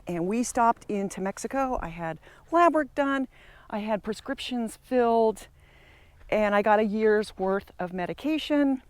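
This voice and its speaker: A woman in her sixties chats on as she strolls outdoors, thinking aloud in an easy, reflective manner. Her voice sits at an ordinary middle pitch. The sound is close and dry, with no room around it. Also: no room sound. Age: 60s. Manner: chatty, reflective, talking while walking. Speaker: travel vlogger. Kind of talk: casual vlog monologue. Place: outdoors, walking through a campground.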